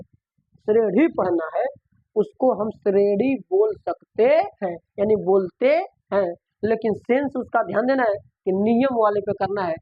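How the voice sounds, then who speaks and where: A man's voice: high voice, no echo. A man teaching a school math lesson, asking questions and answering them himself, repeating points often. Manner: repetitive, asks and answers his own questions. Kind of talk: classroom lesson. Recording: dull, dry lo-fi recording.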